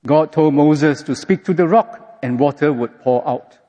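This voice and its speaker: A man preaching a sermon, reading scripture aloud and telling the story in an animated way, recorded in a dull, echoey hall. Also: a little high, measured pace. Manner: animated storytelling, acts out quotes.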